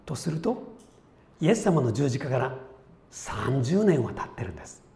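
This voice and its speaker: A man's voice: mid-range voice, big pitch swings, normal speed, mellow. A man preaching a sermon as a pastor, chatty and folksy, with easy asides before he turns to the Bible passage. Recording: echoey room with faint ambience.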